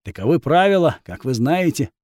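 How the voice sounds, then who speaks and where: A man reading the lines of a smooth, flirtatious middle-aged brothel madam, polite but firm. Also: on the high side, sing-song, moderate pace, a little mellow, dry recording. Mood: coaxing. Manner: coaxing, polite, firm when needed.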